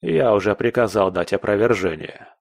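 A man voicing a blustering older emperor who speaks in a measured, grumbling, exasperated manner. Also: on the low side, lively intonation, creaky, no room sound, studio quality. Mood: imperious. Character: blustering older male emperor, fussy and imperious.

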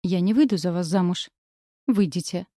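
A heated, defiant young noblewoman snapping back in a romance audiobook, as a woman narrator plays her. The voice stays mellow and a little low, with a dry, close sound. She argues with hot, spoiled insolence. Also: normal speed, no room sound, close to an everyday voice.

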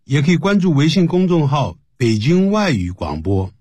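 A man teaching English on the radio, who explains patiently and slowly repeats English phrases as models. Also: fairly high pitch, sing-song, a little mellow, breathy edge, dry recording. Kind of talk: radio language lesson. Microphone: studio microphone.

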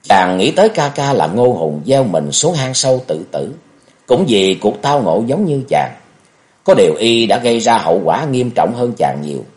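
A man narrating a martial arts novel as an audiobook in an expressive, dramatic reading. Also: medium pitch, normal speed.

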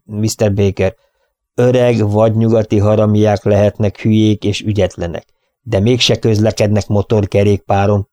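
A man's voice: fairly low pitch, level tone, dark tone, no echo, close to an everyday voice. A man reading an audiobook, voicing a stern, impatient male prison governor who speaks brusquely. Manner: brusque and commanding.

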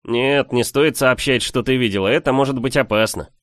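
A male narrator voicing a lively, teasing young man in an audiobook, talking in a raised, animated voice. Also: mid-range voice, fairly quick, no echo, pitched above the performer's own voice, close to an everyday voice. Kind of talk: audiobook character voice.

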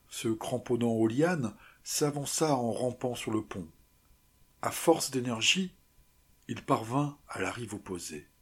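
A male audiobook narrator reading a classic novella with dramatic emphasis. His pace is slow and deliberate, and his voice has a husky grain. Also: medium pitch.

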